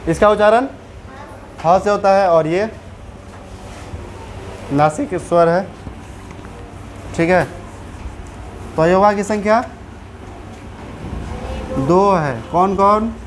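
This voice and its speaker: A woman's voice: mid-range voice, slow pace, pauses often, a little hiss or hum. A woman teacher with a Bihari Hindi accent, giving a classroom grammar lesson and often asking the pupils questions to check they follow.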